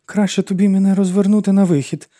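A man's voice: mid-range voice, lively intonation, brisk, dark tone, husky. A man voicing an anxious young woman confessing in tears in an audiobook. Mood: pleading. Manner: pleading, self-pitying and tearful.

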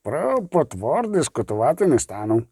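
A man voicing a gruff, blunt male dwarf leader in an audiobook, mocking and quick to swear. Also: medium pitch, very animated, mellow, no echo, studio quality. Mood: grumbling. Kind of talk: audiobook reading.

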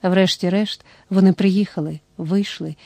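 A woman narrating a novel as an audiobook in a steady storytelling manner. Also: lowish voice, measured pace, vocal fry, no echo.

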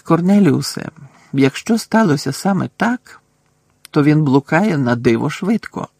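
A man voicing a calm, wry old wizard. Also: on the high side, measured pace, vocal fry, slightly rough, dry recording, clean studio sound, exaggerated voice.

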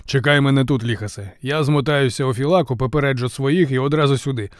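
A man reading an audiobook, voicing a shrewd hero who speaks in a cool, firm, measured way. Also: mid-range voice, no echo, clean studio sound, lightly acted. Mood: firm, calm. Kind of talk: audiobook character voice.

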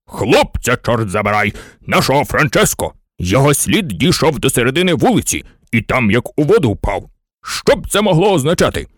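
A paranoid toy general who sees enemies everywhere and barks orders at his soldiers, voiced by a storyteller. The delivery is lively and animated, recorded close and dry. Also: medium pitch, normal speed, dry recording. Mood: commanding. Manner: barking commands. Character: suspicious, bossy toy general. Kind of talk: storybook reading.

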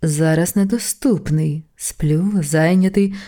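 A woman reading a storybook voices a relaxed, drawling male demon speaking on an answering machine. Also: sits low, takes it slowly. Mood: laid-back.

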